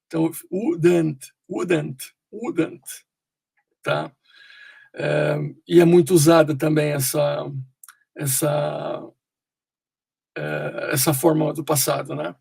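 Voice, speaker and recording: Slow gravelly man teaching English. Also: fairly high pitch, level tone, darkish tone, no room sound. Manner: slow, hesitant explaining with many fillers. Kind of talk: online English lesson.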